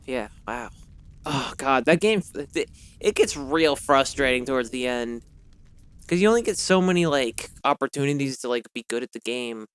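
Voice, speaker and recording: With a medium-pitched, somewhat bright and slightly hoarse voice, a male streamer reads a game's story text aloud at a normal, animated pace. He then drifts into casual chat, rambling, correcting himself, and using many fillers.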